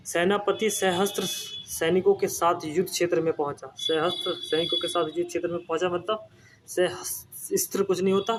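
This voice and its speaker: Here a young man whose voice sits high teaches Hindi spelling to exam candidates, with slight background noise. He goes slowly and patiently, repeats each word, and checks in again and again by saying "ठीक है ना".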